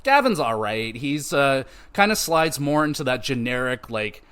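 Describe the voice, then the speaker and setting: A man's voice: mid-range voice, normal speed, clean tone. A man with an ordinary mid-range voice talks through a game review on his podcast. He is loose and unscripted, swears freely and trails into restarts and fillers as he goes. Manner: loose, profane and animated, with many fillers and restarts.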